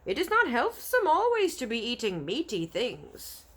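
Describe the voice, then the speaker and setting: A gentle, friendly giant with quaint broken grammar, lifted high and bright above the reader's own voice, as a woman puts him on. He sounds eager and animated, swooping up in pitch as he coaxes. A storybook figure read aloud. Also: normal speed, exaggerated voice. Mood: coaxing.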